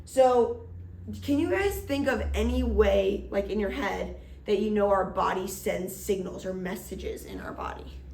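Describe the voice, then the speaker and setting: An energetic woman teacher giving an upbeat, chatty classroom lecture. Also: medium pitch, a little slow, vocal fry, distant mic, a little hiss or hum. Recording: echoey room.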